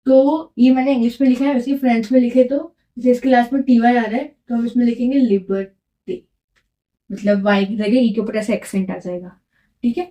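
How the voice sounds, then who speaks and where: High, mellow-voiced woman teaching French. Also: steady tone, fairly quick, poor audio. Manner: repeats key words with quiz questions; mixes English words into Hindi. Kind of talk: classroom-style lesson explanation.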